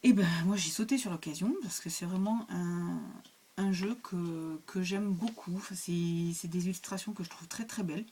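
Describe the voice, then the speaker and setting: A woman's voice: lowish voice, moderate pace, dark tone, a little hiss or hum. A woman hosting her own cartomancy channel, reviewing a card deck in casual chat, hesitant with many fillers and restarts.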